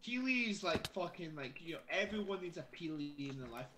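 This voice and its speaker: A man's voice: on the high side, expressive, a little fast, background noise. A Scottish man chatting casually while gaming, swearing a lot and rambling repetitively in a drunken way. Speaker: gamer playing Minecraft with a friend.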